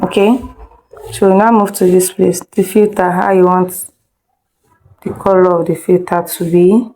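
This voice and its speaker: A video editing instructor leads an informal step-by-step screen tutorial, giving direct instructions, repeating herself and checking learners are keeping up. Her voice is fairly low and a little mellow, and the audio is poor.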